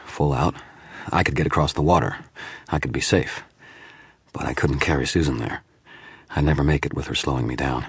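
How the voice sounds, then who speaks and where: A man with an extremely deep, husky voice reads an audiobook in the first person. His delivery is steady and measured, and the sound is close and dry with no room around it. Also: no room sound. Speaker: audiobook narrator.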